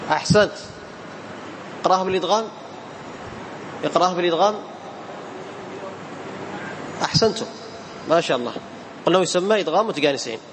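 A man with a high voice teaches Quran recitation, patiently questioning his students and chanting verses in a slow, drawn-out way. His voice rings with a long hall reverb, and a faint room noise sits behind it. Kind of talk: classroom tajweed lesson.

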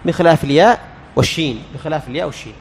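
A man teaching Quran recitation as a lecture. He quizzes the class, answers his own questions and sounds out letters slowly. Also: fairly high pitch, creaky, big-room sound, a little hiss or hum.

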